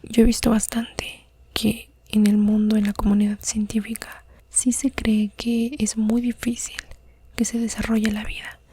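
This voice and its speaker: A woman whispers softly under her breath in an ASMR podcast style. Her delivery is even and mellow, with little movement in pitch. A faint noise sits behind her voice. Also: measured pace. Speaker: podcast host. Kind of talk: soft-spoken ASMR podcast monologue.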